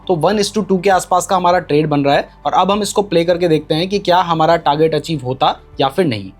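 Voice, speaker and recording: A man explaining a trading strategy in a chart tutorial, pointing things out on screen and mixing English terms into his speech. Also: on the high side. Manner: mixes English terms into Hindi. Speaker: trading educator.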